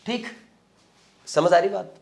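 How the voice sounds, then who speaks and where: A man's voice: sits high, takes it slowly, creaky. A man teaching chemistry in a lecture, explaining step by step in mixed with English terms and often checking whether students are following. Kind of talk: classroom lecture at a board.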